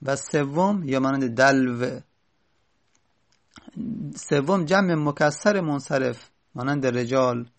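Gravelly man teaching grammar patiently. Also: mid-range voice, pauses often. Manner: patient, repeats key points with stress. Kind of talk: Arabic grammar lesson.

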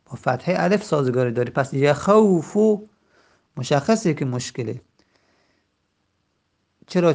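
A man teaching a grammar lesson. He says the example words slowly and drawn out, then explains quickly. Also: on the high side, gravelly, darkish tone.

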